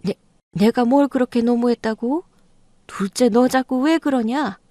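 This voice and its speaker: A woman's voice: a little high, measured pace, mellow, no echo, lightly acted. A woman voicing an elderly mother-in-law in an audio drama, defensive and flustered, then pleading. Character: older mother-in-law, stubborn then backpedaling.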